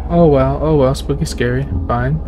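Man, live horror game stream, profane trash talk, middle pitch, noisy background. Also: moderate pace, lo-fi sound. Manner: profane, trash-talking, reacting to scares. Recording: noticeable background noise.

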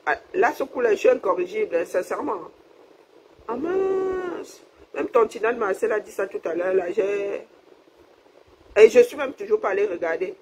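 A woman's voice: mid-range voice, expressive, normal speed, a little mellow, slight background noise, rough recording. A woman from Cameroon, chatting casually on a livestream, laughing often and thanking her viewers. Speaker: livestream host. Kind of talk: casual live chat with viewers.

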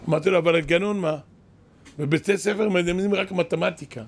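An older man, a kabbalist rabbi, giving a weekly Torah lesson in an animated, lamenting way, with a gravelly voice. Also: sits high. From Israel. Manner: animated, exclaiming and lamenting, storytelling. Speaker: kabbalist rabbi, yeshiva head. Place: yeshiva study hall.

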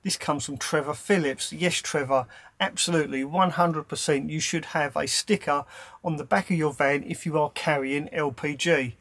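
A man with a high voice hosts a chatty question-and-answer vlog from inside his camper van. He talks upbeat and friendly. The sound is dry and close. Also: fairly even intonation, normal speed, fairly bright tone, no echo. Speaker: van life vlogger.

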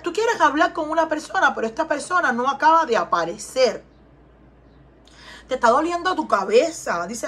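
A woman's voice: high-pitched, a bit bright, slightly rough. A Cuban woman with a Cuban Spanish accent, giving an earnest tarot reading to her viewers and often asking them questions. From Cuba. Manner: earnest, repeats questions and asks viewers to respond. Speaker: tarot reader. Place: home in Texas.

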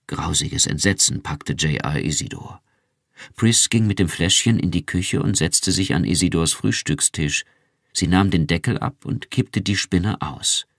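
A man narrating an audiobook in a measured, expressive way. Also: low voice, vocal fry, dry recording, studio quality. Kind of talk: scripted narration.

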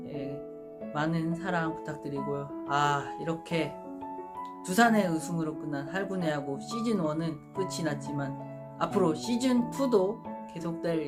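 A woman hosting her own channel, speaking in a formal, polite presenter style as she addresses viewers. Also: deep voice. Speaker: host of a sports prediction channel. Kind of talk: giveaway announcement to viewers. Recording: music behind the voice. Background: music.

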